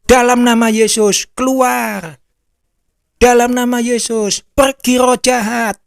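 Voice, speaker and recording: A man voicing an overeager male exorcist who is obsessed with casting out demons, crying out in a shrill, raised voice during a sermon. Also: steady tone, takes it slowly, vocal fry, smooth, no room sound, clean studio sound, heavily acted. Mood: frantic.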